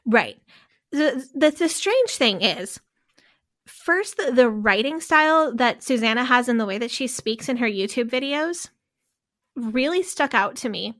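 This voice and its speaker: Her fairly high, slightly bright voice is animated and a little slow as she co-hosts a podcast. She rambles casually through a story, often using fillers and starting over.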